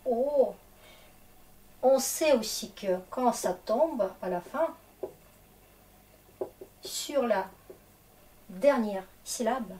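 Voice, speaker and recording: A woman's voice: fairly high pitch, lively intonation, extremely slow, pauses often, darkish tone, recorded from a distance, a little hiss or hum. A woman teaching a grammar lesson in a casual, chatty way, often checking in with her students to encourage them. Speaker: Russian teacher.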